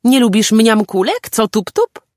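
Woman putting on a small kind storybook creature, eager, high voice, lively swings, dry studio. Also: a little slow, dry recording. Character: small cheerful male Pampiludek, curious and kind.

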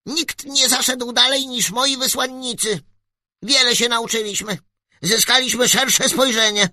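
A man voicing a tiny fanged creature ruler who speaks through a megaphone in a squeaky, gloating voice of grand threats. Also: a little slow, pushed and bright, dry recording, exaggerated voice. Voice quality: squeaky, piping little voice.

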